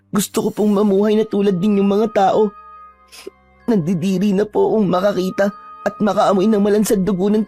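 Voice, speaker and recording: Beneath faint music, a woman telling a horror story voices a frightened young aswang in hiding, lightly acted, whose pleading is polite, earnest, respectful and soft-spoken in an even, flat tone. She speaks at a medium pitch in a dark, mellow voice.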